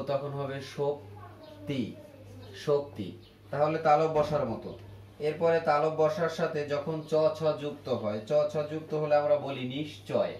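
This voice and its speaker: A man teaching a grammar lesson at a board, repeating each word slowly to drill how it is pronounced. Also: fairly high pitch, darkish tone. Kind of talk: classroom grammar lesson at a whiteboard. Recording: echoey room with faint ambient noise.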